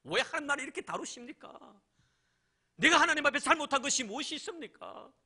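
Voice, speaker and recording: A male pastor voicing an anguished man who cries out to God in loud, indignant, pleading questions. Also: very high voice, very animated, fast talker, pitched above the performer's own voice, full character voice.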